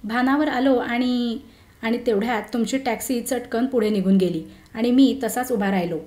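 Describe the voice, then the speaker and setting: Woman reader playing an earnest young college friend, grave and sincere, fairly high voice, echoey room. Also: moderate pace, darkish tone, lightly acted. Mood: friendly. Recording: roomy echo.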